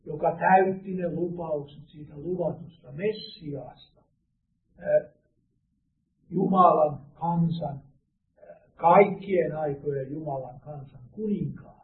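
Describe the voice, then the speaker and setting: A man preaching a sermon, measured and reading scripture aloud with rising emphasis. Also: fairly high pitch. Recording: distant, roomy, phone-like sound.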